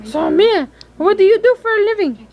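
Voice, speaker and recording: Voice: extremely high pitch, expressive, moderate pace, lo-fi sound, crowd noise. A performer voicing a friendly, inquisitive pink dragon puppet, chatting simply with a small child as if over the phone. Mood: curious, playful.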